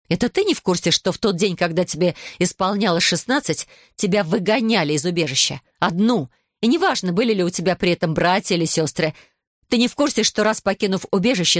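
A woman's voice: lowish voice, dry recording, clean studio sound, close to an everyday voice. A woman voicing a bitter, wounded older sister who talks in an accusing way.

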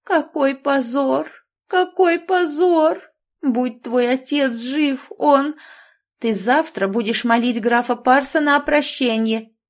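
A woman's voice: a little high, normal speed, pitched above the performer's own voice, natural voice. A woman voicing a haughty, domineering aristocratic mother who shrieks and wails in an audiobook. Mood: hysterical.

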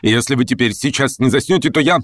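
A man playing a domineering older noblewoman, raised shrill voice, fierce scolding, lively swings. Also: fast, no room sound, clean studio sound, natural voice. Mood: bitter. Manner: shrill commanding outbursts, scolding. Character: imperious hot-tempered noblewoman, older, frantic.

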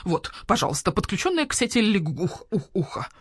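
A woman's voice: medium pitch, sing-song, fairly quick, breathy edge, dry recording. A woman reading aloud gives voice to a flustered old owl who can't stop hooting mid-word. He wheezes and stammers through his excuses. The storybook recording is dry and close. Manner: stammers hoots into words. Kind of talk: audiobook character voice.

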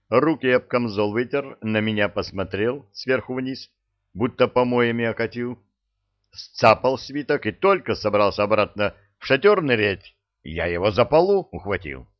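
A man narrating a first-person story as an audiobook, in a sardonic, colloquial and expressive manner. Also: medium pitch, highs cut off.

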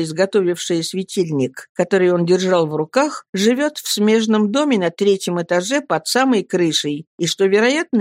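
A woman narrating a historical novel in an even storytelling manner. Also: medium pitch, no echo, studio quality. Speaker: audiobook narrator. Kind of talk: scripted narration.

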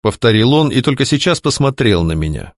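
A man reading a first-person fantasy novel aloud, in an expressive storytelling manner. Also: mid-range voice, a little fast, dry recording, clean studio sound. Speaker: audiobook reader.

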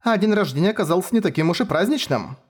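A man's voice: fairly high pitch, big pitch swings, a little fast, voice pushed up. A man voicing a blunt, grumpy young woman journalist with a sardonic manner. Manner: gruff, sardonic.

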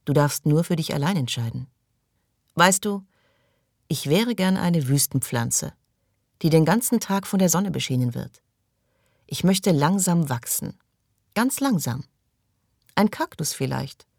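A man reading the part of a weary man longing for rest, slow and dreamy. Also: a little high, animated, vocal fry, no echo, studio quality, full character voice. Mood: wistful.

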